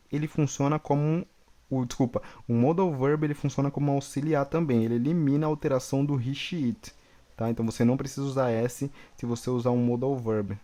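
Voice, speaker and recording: A man from Brazil teaching an English lesson, patiently repeating each example slowly and checking in with the class. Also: medium pitch, warm tone.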